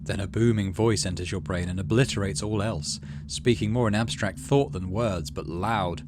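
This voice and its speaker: Hosting a gaming video, this middle-aged man provides let's play commentary. His low-leaning voice reads game narration like a measured story, broken up by muttered asides, over some background noise.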